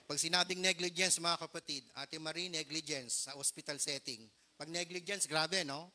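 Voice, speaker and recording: A man's voice: a little high, fairly even intonation, normal speed, pushed and bright. A middle-aged man preaching a storytelling sermon as pastor, earnest and mixing English phrases into his Tagalog.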